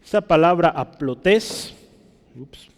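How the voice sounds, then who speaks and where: A man's voice: on the high side, lively intonation, slow pace, smooth, in a large hall. A man preaching an expository sermon in a church, explaining scripture and Greek words while turning to his listeners with frequent rhetorical questions. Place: church hall.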